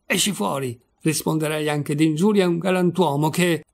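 A man voicing a placid, pompous old lawyer who lectures calmly and keeps calling others "my son", in a gravelly voice. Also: a little high, normal speed. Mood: stern insistent.

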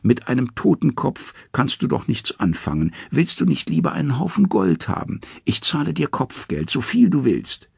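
Man playing a sly trickster god, high wheedling voice, gravelly underneath, dry close sound. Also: wildly swooping pitch, normal speed, few pauses, no room sound, exaggerated voice. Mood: mocking pleading.

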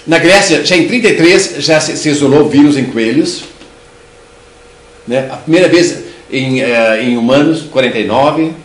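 An older man with a Brazilian Portuguese accent delivers a clinical lecture on oral disease, patient and explanatory. He often repeats and restarts words as he goes. His voice sits a little high and carries the echo of a book-lined room. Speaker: lecturer, dental surgeon. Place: room with bookshelves. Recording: echoey room sound.

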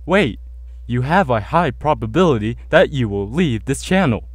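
A man voicing a pompous male villain who introduces himself grandly and speaks in a slow, theatrical way. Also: mid-range voice, sing-song, dry recording. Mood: scheming.

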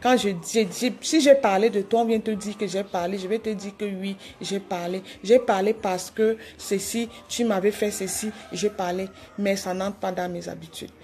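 A woman's voice: mid-range voice, steady tone, moderate pace, hardly any pauses, a little mellow. A woman on a phone live stream, pleading with her followers, repeating herself with hesitant restarts. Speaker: livestreamer addressing her followers. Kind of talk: live video apology.

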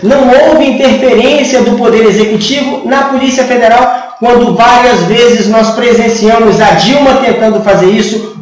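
A man's voice: very high voice, recorded from a distance. A man in his thirties with a Brazilian Portuguese accent, giving a rhetorical, sarcastic political opinion monologue to camera in a small room. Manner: rhetorical, sarcastic, asks many questions. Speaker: channel host. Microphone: camera from a few feet away. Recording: echoey room, voice a bit off-mic.

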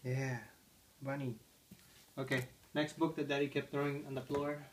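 A man's voice: mid-range voice, flat delivery, moderate pace, slight background noise. A father reading picture books to his toddler at home, playful and coaxing, asking her questions about the pages. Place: living room armchair at home.

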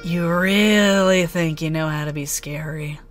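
A woman voicing a gruff, irritable teenage girl bully from a video game, blunt, sarcastic and menacing. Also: low voice, unhurried, soft background music. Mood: irritated menace. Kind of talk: voicing video game dialogue in a let's play.

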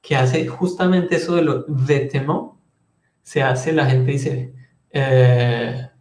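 Slow, patient male French teacher. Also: medium pitch, darkish tone, roomy sound. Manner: slow, patient explaining, switching between Spanish and French. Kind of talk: online language class.

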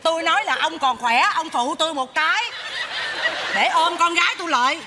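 A woman playing a mother in a live stage comedy sketch, loud and animated, often complaining. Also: very high-pitched, brisk, background noise. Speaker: comic actress playing a mother.

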